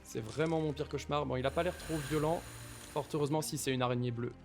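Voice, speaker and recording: A man's voice: on the high side, fairly even intonation, fast talker, vocal fry, over music. A man giving casual commentary on his Minecraft playthrough, talking to the mobs and to viewers, repeating nervous exclamations in tense moments. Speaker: gaming YouTuber.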